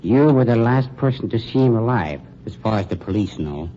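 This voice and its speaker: An actor plays a suave, menacing funeral home owner in a 1940s radio drama, coldly polite and drawn out, in a lightly acted style. His fairly low, warm voice is brisk with lively intonation. The muffled 1940s broadcast carries faint hiss.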